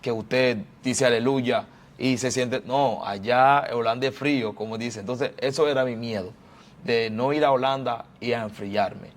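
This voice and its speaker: With an unhurried pace and fairly even intonation, a mid-range-voiced man from the Dominican Republic shares his life as a prophet and pastor in a church interview. He's fervent and repeats phrases the way a preacher does.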